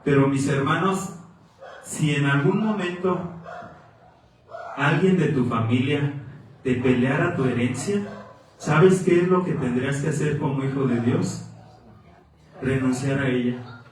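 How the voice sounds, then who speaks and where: A man's voice: medium pitch, measured pace, pauses often. A male pastor, preaching a sermon in an earnest, exhorting way and repeating phrases for emphasis. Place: church sanctuary. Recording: very echoey church from far off.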